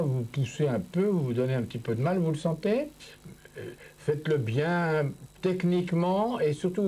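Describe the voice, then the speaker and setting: His voice is on the high side yet dark and husky. Speaking with a French accent, this speech therapist coaches a patient through voice exercises, encouraging and patient, often making sure he is understood and saying "vous voyez" repeatedly.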